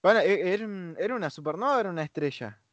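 A man's voice: sits high, animated, fast talker, a bit bright, dry recording, lo-fi sound. A man with a Rioplatense accent in a casual podcast chat, enthusiastic and stumbling over his words. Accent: Rioplatense Spanish. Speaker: podcast co-host.

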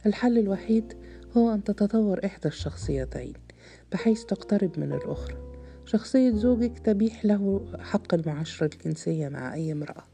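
A woman voicing a calm, condescending middle-aged male psychiatrist who speaks in a cool, measured, lecturing way. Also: medium pitch, gravelly, faint music behind.

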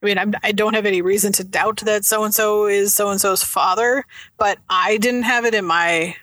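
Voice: mid-range voice, fairly even intonation, moderate pace, bright, forceful tone, no room sound. A tired podcast co-host chatting casually from inside a car, rambling and correcting themselves. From Minnesota. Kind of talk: casual chat.

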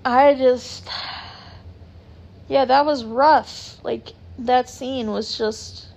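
Woman, casual chat host, vocal fry, loose rambling talk full of fillers, swears freely. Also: high voice, steady tone, drawn-out words, a little mellow. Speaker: podcast host.

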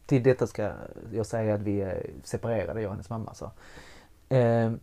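Candid, swearing man telling a story. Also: lowish voice. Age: adult with young child. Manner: candid, swears freely, animated, acts out quotes. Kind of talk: personal storytelling in conversation.

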